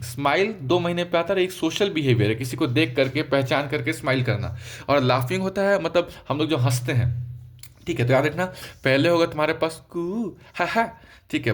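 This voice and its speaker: A young man giving a casual lesson, talking straight to his students and checking in often with "okay". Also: on the high side. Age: young adult. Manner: conversational, repeats "ठीक है" often, addresses students directly. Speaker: medical lecturer. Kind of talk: explaining lesson, casual teaching.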